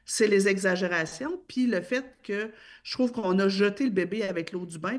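A woman with a Québécois accent explaining her views on parenting in a casual discussion, emphatic, with many fillers and restarts. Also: medium pitch. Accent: Québécois French. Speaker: parenting speaker.

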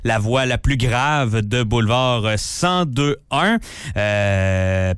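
A man's voice: mid-range voice, expressive, slow, a bit bright, clear, resonant tone, no room sound, clean studio sound. A man with a Québécois accent hosting a radio show in casual, chatty style. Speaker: radio host. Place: radio studio.

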